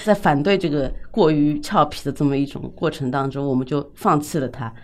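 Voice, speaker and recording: A woman's voice: low-pitched, a little fast. A woman, a writer and translator, chatting as a podcast guest in a casual, opinionated book discussion.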